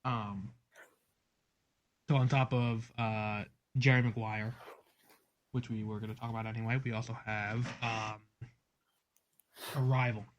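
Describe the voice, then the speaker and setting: A man's voice: fairly low pitch, level tone, measured pace, long pauses, muffled recording, a little hiss or hum. A man co-hosting a casual movie podcast, rambling with many ums and getting exasperated. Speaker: podcast co-host. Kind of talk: casual chat.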